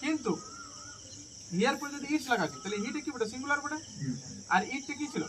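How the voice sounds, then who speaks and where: A man's voice: very high-pitched, animated, quick pace, recorded from a distance. A male English teacher giving a classroom grammar lesson, drilling students with repeated check questions and mixing English examples into casual speech. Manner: casual familiar address to students. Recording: loud background noise with insects.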